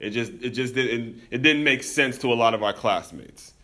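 Man, young adult, from the US, podcast host, earnest storytelling, reflective, bright tone. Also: mid-range voice, moderate pace. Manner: earnest and reflective, addresses listeners as teammates. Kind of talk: personal storytelling monologue.

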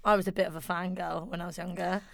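A woman's voice: lowish voice, little pitch movement, fast, vocal fry. A young woman in casual chat, rambling and giggling, full of "like".

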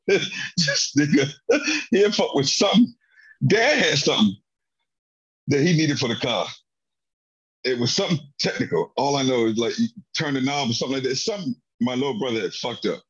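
A man telling childhood stories in a casual chat, animated and laughing often, with a profane, lively delivery. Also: mid-range voice, normal speed, long pauses, breathy edge. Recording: dull lo-fi audio.

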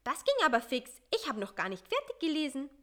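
A woman's voice: sits high, huge pitch swings, a little fast, fairly bright tone, voice pushed up, exaggerated voice. A woman playing a cheeky little bug. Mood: chirpy. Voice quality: cheeky, gloating. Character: small cheeky male bug, gloating companion.

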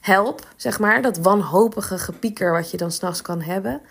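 Chatty woman with a gravelly edge. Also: fairly low pitch, moderate pace. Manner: chatty, laughs often, many fillers. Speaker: coach. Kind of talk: podcast advice talk.

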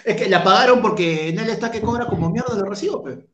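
A man's voice: sits high, quick pace, a bit bright, highs cut off. A man co-hosting a comedic radio chat, teasing and bantering. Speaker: radio co-host. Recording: echoey room.

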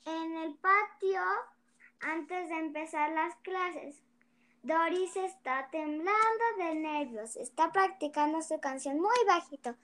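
A child slowly reading a picture book aloud, with small hesitations and restarts. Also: female voice, very high-pitched, a bit bright. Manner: slow, careful reading with little hesitations. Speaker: young storyteller.

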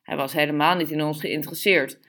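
A woman narrating a literary story in a calm, measured way. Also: deep voice. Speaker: audiobook reader.

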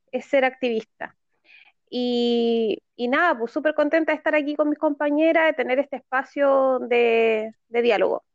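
A woman in her forties introduces herself calmly on a podcast, pausing with small fillers. Her voice is high. The sound is dry and muffled. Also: no room sound. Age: 40s. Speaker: podcast guest. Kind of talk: casual self-introduction.

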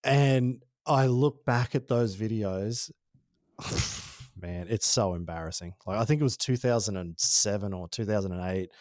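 An Australian man, a podcast guest and former freestyle motocross rider, chatting in a relaxed, rambling, slangy way. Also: on the low side, measured pace, dry recording, clean studio sound. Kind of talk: casual conversation.

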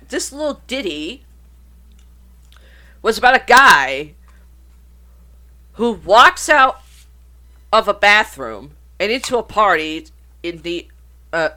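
Casual uncensored podcast host: slow, animated, bright-toned, reads notes and then cusses off-script. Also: medium pitch.

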